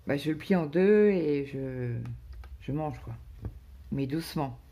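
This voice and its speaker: A woman's voice: deep voice, expressive, slow, warm tone. A woman chatting casually to her viewers about her day, rambling, with many fillers and restarts. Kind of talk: casual personal chat to viewers.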